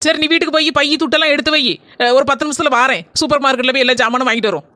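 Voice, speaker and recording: A woman voicing a rapid-talking young wife. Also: sits high, pushed and bright, dry recording, studio quality. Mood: matter-of-fact. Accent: southern Tamil. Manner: quick, matter-of-fact. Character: practical young wife, tolerant of her mother-in-law.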